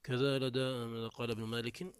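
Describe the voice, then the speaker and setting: A man's voice: mid-range voice, level tone, fast talker, smooth, no room sound. A man teaching a lesson on a classical Arabic grammar text, reading a line and then explaining it, sometimes correcting himself mid-word.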